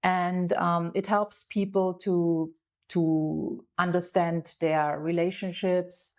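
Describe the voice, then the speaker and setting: A woman hosting an interview podcast, introducing her guest with many pauses and fillers. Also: on the low side, little pitch movement. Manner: slow, hesitant, many fillers. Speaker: podcast host.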